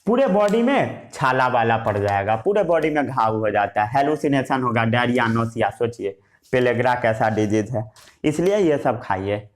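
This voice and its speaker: A man's voice: mid-range voice, expressive, normal speed. A male teacher giving a science lesson, asking questions and answering them himself, repeating key words while he writes. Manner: repetitive question-and-answer teaching, writing as he talks. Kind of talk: Hindi science lesson with English terms.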